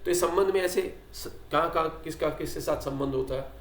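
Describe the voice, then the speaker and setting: A man's voice: fairly high pitch, a little hiss or hum. Man teaching scripture in echoey room. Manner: explains with questions and acted-out dialogues; quotes Sanskrit text slowly. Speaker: Vedanta teacher. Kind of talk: scripture class lecture.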